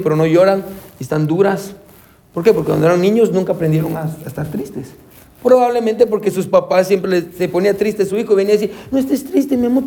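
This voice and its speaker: This Sunday school counselor has a high-pitched, warm voice with vocal fry. Throughout the lesson he calls his listeners brother and keeps saying amen, while performing quoted voices and weaving in English terms.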